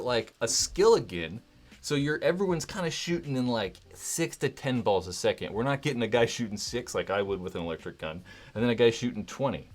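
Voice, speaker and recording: A man hosting a casual livestream from home, rambling and candid, filling his talk with "like" and "right?" and swearing now and then. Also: mid-range voice. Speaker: livestream host.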